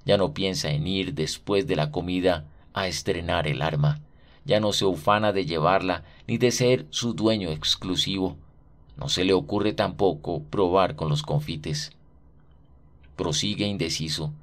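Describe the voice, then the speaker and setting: A man narrates a short story for radio with a low voice. His reading is dramatic and expressive, shaping each scene with steady care. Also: unhurried.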